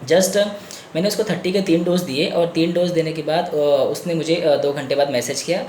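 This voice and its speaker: A man's voice: fairly high pitch, fairly even intonation, moderate pace, darkish tone. A man who is a doctor, explaining a patient case in a hesitant lecture with many fillers and English words mixed in. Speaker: homeopathy doctor. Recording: echoey room with faint noise.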